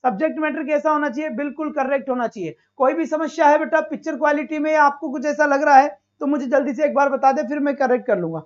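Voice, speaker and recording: A man's voice: very high-pitched, fast talker, few pauses, highs cut off. A male teacher leading a live online exam-prep class, coaxing students and answering his own questions.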